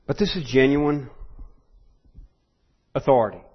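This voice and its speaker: A man's voice: medium pitch, animated, a little slow, breathy edge, lo-fi sound. A man preaching a sermon in an earnest way, often restarting and rising in force when he stresses a point.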